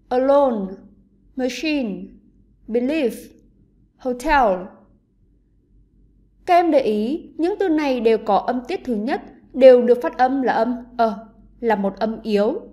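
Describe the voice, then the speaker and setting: High-voiced slow woman teacher. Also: a little mellow. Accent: Vietnamese. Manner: slow, careful explanation to pupils. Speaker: English teacher. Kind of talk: online English lesson.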